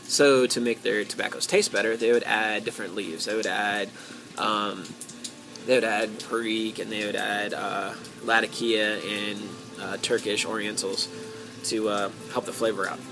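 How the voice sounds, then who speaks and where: An American man talking casually to his viewers as a hobby vlogger, in a halting way, thinking aloud with drawn-out pauses. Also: lowish voice, fairly even intonation, creaky, over music. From United States. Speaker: pipe-hobby vlogger and host. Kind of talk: casual solo talk to viewers.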